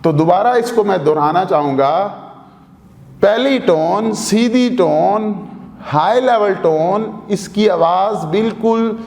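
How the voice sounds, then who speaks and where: A man's voice: high voice, slow, a little mellow. A man with a Pakistani Urdu accent teaching a language lesson, patiently explaining and repeating sounds to demonstrate them. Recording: echoey room with long reverb.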